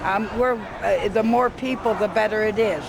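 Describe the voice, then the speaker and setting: A man's voice: sits high, normal speed, gravelly. A man at a protest giving a determined, plain-spoken street interview. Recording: noisy street with crowd.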